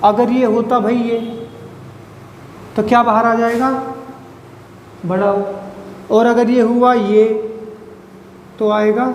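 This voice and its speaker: A man with a very high voice teaches a grammar lesson, stretching each syllable and firing questions at his students. The room rings with a long, hollow reverb, and a faint hiss sits under his voice. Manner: drawn-out, repeats syllables, quizzes listeners.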